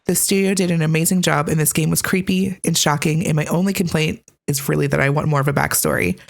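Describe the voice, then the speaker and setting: A woman's voice: sits low, steady tone, quick pace, gravelly. A woman hosting a scripted game review, with a conversational, opinionated delivery. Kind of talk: scripted video review narration.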